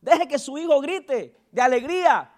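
A man with a strikingly high voice preaches in a church service. He keeps calling on the congregation to say phrases back to him and breaks into chuckles between points. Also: lively intonation, moderate pace. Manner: calls on the congregation to repeat after him and respond; chuckles often and jokes with listeners. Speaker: pastor. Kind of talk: lively church sermon.

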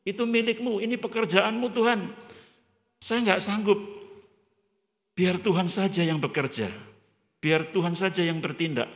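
Animated preacher in a reverberant church. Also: male voice, sits high, normal speed, pauses often. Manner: animated, joking, addresses the congregation directly. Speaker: guest preacher. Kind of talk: sermon.

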